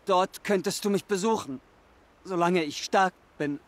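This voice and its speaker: A man's voice: high voice, unhurried. A man voicing a troubled young man haunted by voices, pleading and desperate in a video game dub. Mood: anguished.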